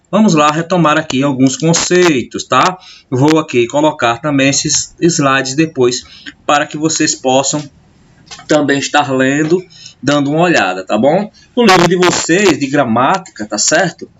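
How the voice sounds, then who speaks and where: Man teaching with a raised pitch. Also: unhurried, a bit bright, muffled recording, a little hiss or hum. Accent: Brazilian Portuguese. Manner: checks in constantly with "tá?" and "né?"; asks questions then answers them himself. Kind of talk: classroom grammar lesson over slides.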